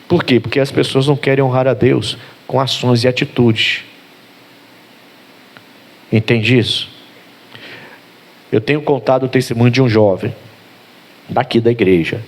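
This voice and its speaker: A man's voice: medium pitch, normal speed, long pauses. A man with a Brazilian Portuguese accent, a pastor preaching a sermon who acts out bits of dialogue along the way. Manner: animated preaching with acted-out dialogue.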